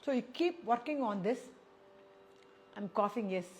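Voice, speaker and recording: A woman's voice: fairly high pitch, animated, unhurried. A woman with a South Indian accent teaching singing, explaining step by step and repeating syllables and phrases to demonstrate. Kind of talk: spoken music lesson with sung syllable demonstrations.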